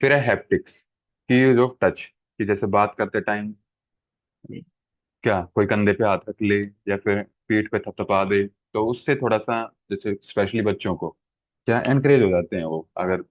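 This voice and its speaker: A man's voice: on the low side, measured pace, dry recording. A man teaching an exam-prep lecture, explaining with everyday examples and checking in often with his listeners. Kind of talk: classroom lecture. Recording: dry, phone-like narrow sound.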